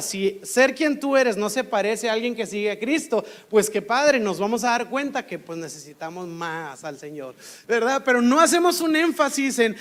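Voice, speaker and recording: High-voiced Mexican man preaching casually. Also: fairly bright tone. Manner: conversational, acts out quoted voices. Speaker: pastor. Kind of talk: sermon.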